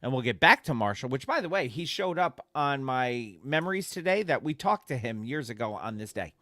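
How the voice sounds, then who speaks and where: A man's voice: mid-range voice, expressive, brisk, bright, forceful tone, dry recording, studio quality. A man co-hosting a podcast, chatting loosely, laughing and reading sponsor spots. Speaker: podcast co-host. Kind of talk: casual chat and sponsor reads.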